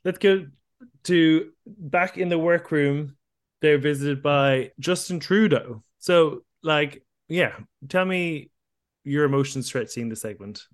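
A man's voice: fairly high pitch, slow. A man hosting a podcast, upbeat and steering the chat with questions. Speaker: podcast host. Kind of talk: casual chat.

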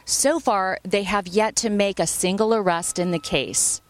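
A woman narrates a scripted TV news report. Her voice sits at an average pitch as she lays out the story as a reporter. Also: a little slow.

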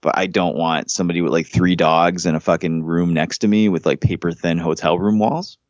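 A man telling a long, profanity-laced story in casual chat, animated and fed up. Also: low-pitched, fairly quick, no echo, muffled recording.

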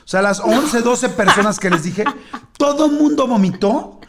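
A man with a Mexican Spanish accent, a podcast host telling a family story in casual chat, acting out voices with shouts and laughter. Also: extremely high pitch, animated, unhurried, creaky, a little hiss or hum.

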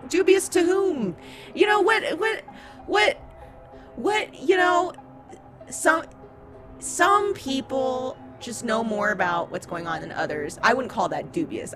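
A woman's voice: fairly low pitch, voice pushed down. A woman playing an evasive, sarcastic female bounty hunter in a tabletop role-playing game, deflecting with coy questions. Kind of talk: in-character tabletop role-play. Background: background music.

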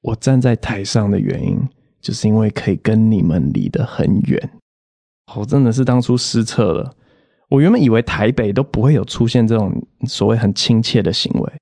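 A man's voice: on the low side, expressive, moderate pace, vocal fry, mellow, no room sound. A man, hosting a comedic solo podcast and telling exasperated, rant-like stories with quoted voices.

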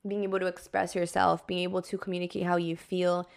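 Creaky-voiced woman hosting a casual podcast. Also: on the low side, little pitch movement, quick pace. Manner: conversational, reassuring, with frequent "like" and "kind of". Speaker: podcast host. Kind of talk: casual explanatory astrology podcast talk.

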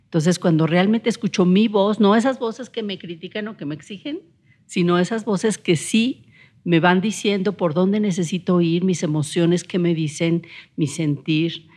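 Earnest woman psychologist, low voice. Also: normal speed, darkish tone. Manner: earnest, emphatic explaining. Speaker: psychologist guest. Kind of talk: casual podcast conversation.

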